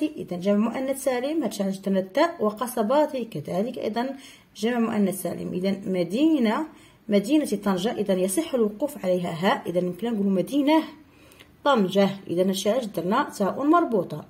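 A woman's voice: on the high side, darkish tone. Patient Moroccan woman teaching children. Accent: Moroccan Arabic. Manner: patient, repeats words slowly for children. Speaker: primary school teacher. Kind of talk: online lesson explaining exercises.

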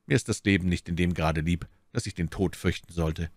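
A man voicing a bold young male musketeer in an audiobook, speaking with a steady, respectful composure. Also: low-pitched, fairly quick, no echo, clean studio sound. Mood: calm, defiant. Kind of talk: audiobook character voice.

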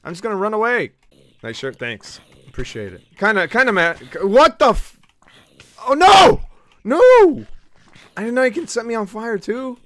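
A male Twitch streamer giving excitable live gameplay commentary, swearing and yelping as he banters with his chat. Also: very high voice, moderate pace, long pauses, dry recording.

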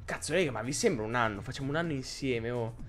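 A man's voice: mid-range voice, quick pace, fairly bright tone, soft background music. A man streaming live, chatting casually and rambling as he answers his chat viewers.

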